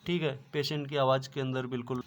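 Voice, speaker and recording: A man's voice: mid-range voice, flat delivery, brisk. A man teaching an online class, explaining step by step and often repeating filler words. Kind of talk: online lecture.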